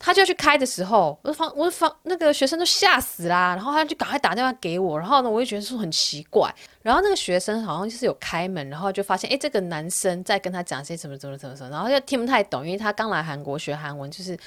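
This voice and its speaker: A woman's voice: medium pitch, fast, few pauses. A young woman who works as a rental agent, casually telling her viewers a story and getting worked up as she retells it. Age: young adult. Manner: animated, gets worked up while retelling.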